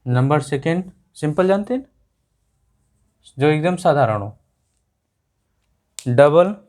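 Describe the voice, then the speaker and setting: An English teacher explains grammar during a classroom lesson, turning each point back to his students as a question. His voice is fairly high-pitched, expressive and darkish in tone, and he takes it slowly.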